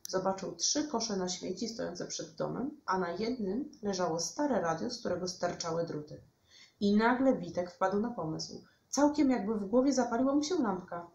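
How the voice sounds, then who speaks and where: A woman teacher reading a bedtime storybook aloud in an expressive, lively way. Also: medium pitch, moderate pace, vocal fry, slight background noise. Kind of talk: storybook narration. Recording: echoey room, dull lo-fi sound.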